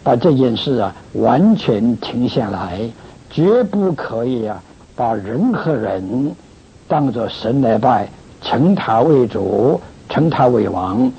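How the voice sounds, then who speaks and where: A man delivers a pastoral message in a slow, deliberate cadence, his voice deeply husky and breathy. He pleads earnestly and stretches little particles between his phrases. The recording sounds dull and lo-fi. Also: sing-song. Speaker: church leader.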